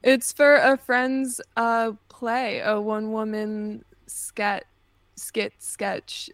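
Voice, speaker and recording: A woman chatting on a casual podcast, laid-back and deadpan in her jokes. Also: fairly high pitch, very slow, no echo. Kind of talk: casual chat.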